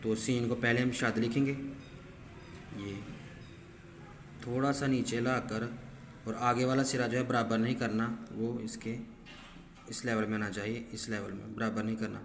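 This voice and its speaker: A man's voice: mid-range voice, level tone, moderate pace, long pauses. Patient man teaching handwriting, echoey room. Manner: patient, step-by-step, repeats "ठीक है". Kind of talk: handwriting lesson. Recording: echoey room with faint background noise.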